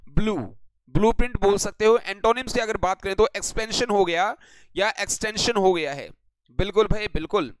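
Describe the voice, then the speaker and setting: An Indian man with a high-sitting, smooth voice teaches English vocabulary briskly in a live online class, recorded dry. He greets viewers by name and repeats each word as a question for the class.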